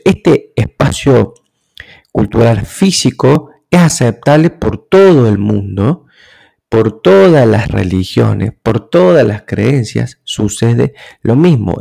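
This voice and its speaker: A man giving an explanatory talk in a measured way, often checking in with the listener through rhetorical questions. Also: mid-range voice, vocal fry, a little mellow, low-quality recording.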